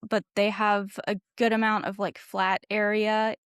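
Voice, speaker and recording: Giovane donna sui vent'anni, chiacchierona e ride spesso, registrazione asciutta e vicina. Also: female voice, mid-range voice, level tone, measured pace, clean tone, no echo, clean studio sound. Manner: chatty, laughs often, lots of "like" fillers. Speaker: guest, adaptive surfer. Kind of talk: casual interview.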